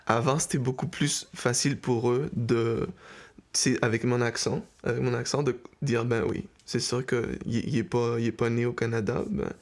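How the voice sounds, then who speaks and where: A man's voice: mid-range voice, moderate pace. A young man from Mexico, half Canadian, answering interview questions casually, with fillers and restarts. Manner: relaxed, hesitant, with fillers. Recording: faint music behind.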